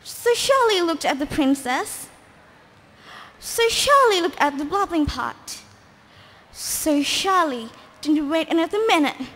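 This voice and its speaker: A woman narrating a children's storybook as readers' theatre, in a lively, expressive way. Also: high-pitched, slow. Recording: echoey hall.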